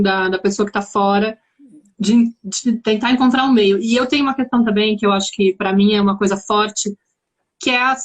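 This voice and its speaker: Reflective São Paulo woman, slightly high voice. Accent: São Paulo Brazilian Portuguese. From São Paulo, Brazil. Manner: reflective, searching for words with many restarts. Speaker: guest. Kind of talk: casual conversation.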